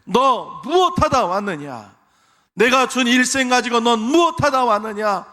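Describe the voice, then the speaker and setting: A male pastor voicing God as a stern, commanding figure who slowly demands an account of a person's life. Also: very high voice, very animated, bright, forceful tone, pitched above the performer's own voice, heavily acted. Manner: slow, demanding questions. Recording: long church hall reverb.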